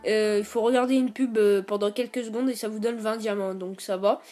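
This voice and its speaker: A woman's voice: mid-range voice, fairly even intonation, a little fast, warm tone, faint music behind. A woman hosting a casual tutorial, talking viewers through steps with many hesitations and filler sounds. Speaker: YouTube tutorial host. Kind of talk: casual screen-recorded tutorial.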